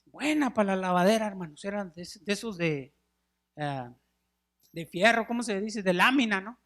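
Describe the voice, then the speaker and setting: A man's voice: sits high, moderate pace. A middle-aged man preaching a sermon in a church, telling stories with animation and calling his listeners brothers. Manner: animated storytelling, acts out wailing mourners; addresses listeners as brothers, drops in English words. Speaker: pastor. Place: church sanctuary.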